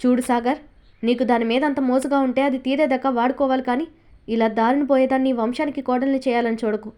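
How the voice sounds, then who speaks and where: Domineering father, read by a woman, scornful, commanding, high voice. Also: fairly even intonation, fairly quick, a little mellow, close to an everyday voice. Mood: scornful anger. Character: angry wealthy middle-aged father, domineering. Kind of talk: audiobook character reading.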